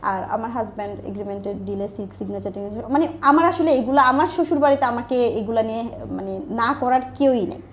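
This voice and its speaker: A Bangladeshi woman, a small business owner appearing as an interview guest, tells personal stories in a conversational interview. Her voice is a little high and brisk, and she's talkative, repeating phrases and acting out quoted dialogue. There's slight background noise.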